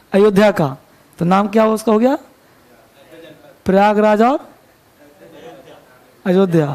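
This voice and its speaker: Slow, gravelly high-voiced male teacher. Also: a little mellow. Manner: chatty, joking, quizzes students. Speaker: English teacher. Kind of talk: classroom lecture. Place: classroom.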